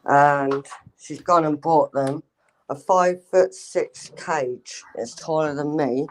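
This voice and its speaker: A man's voice: fairly high pitch, takes it slowly, a little hiss or hum. A man chatting casually in an informal, self-deprecating way. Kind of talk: casual chat.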